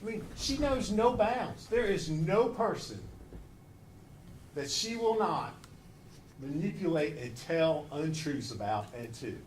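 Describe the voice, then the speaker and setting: A man's voice: on the high side, expressive, slow. Male prosecutor, passionate closing argument, emphatic and widely inflected, in a roomy space with faint noise. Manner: passionate, emphatic, repeating phrases for effect. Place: large indoor courtroom. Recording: roomy courtroom echo, faint background noise.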